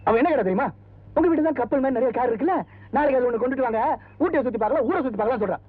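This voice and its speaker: A man's voice: very high-pitched, racing. An actor playing an eager, anxious young man in love in 1990s film comedy dialogue, talking with worry. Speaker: young man posing as a minister's son. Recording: dry, tinny old film soundtrack.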